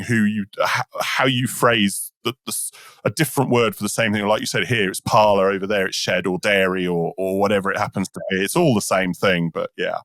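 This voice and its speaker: Chatty male podcast host, low voice. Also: a bit bright, no room sound, clean studio sound. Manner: chatty, tells anecdotes with acted-out quotes. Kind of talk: casual podcast interview.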